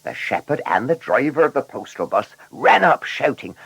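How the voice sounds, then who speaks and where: A man narrating a children's story in an animated, scripted storytelling manner. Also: mid-range voice, normal speed, breathy edge, no room sound, low-quality recording.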